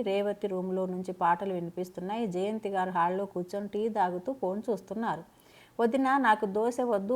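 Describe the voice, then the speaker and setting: A woman narrating a scripted family drama in a steady, dramatic storytelling manner. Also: mid-range voice.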